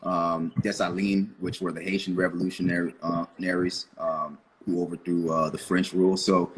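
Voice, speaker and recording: Low-voiced man answering interview questions. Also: normal speed, slightly rough, low-quality recording. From United States (Florida). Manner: relaxed, hesitant, many fillers and restarts. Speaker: guest, audiobook company founder.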